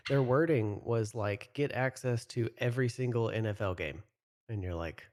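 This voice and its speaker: A man's voice: medium pitch, normal speed. A man co-hosting a casual group podcast, telling stories with lots of laughter and the odd swear word. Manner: animated storytelling, swears, laughs a lot. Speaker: podcast co-host.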